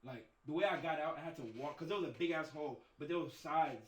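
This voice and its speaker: A man, a DJ guest on a podcast, telling a story casually, animated and profane, with a rambling flow. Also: on the high side, quick pace, reverberant, distant mic.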